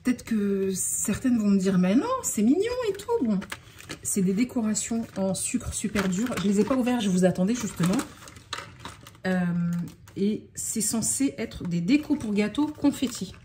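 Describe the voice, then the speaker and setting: A woman's voice: mid-range voice, normal speed, mellow, a little hiss or hum. A woman from France in a casual unboxing vlog, talking in a scattered, self-interrupting way and getting worked up. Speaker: vlogger.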